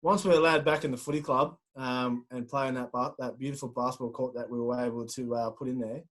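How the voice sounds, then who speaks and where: A man's voice: medium pitch, fairly even intonation, fairly quick, fairly bright tone. An Australian man co-hosting a podcast, joking and playful in casual chat. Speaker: podcast co-host, former footballer.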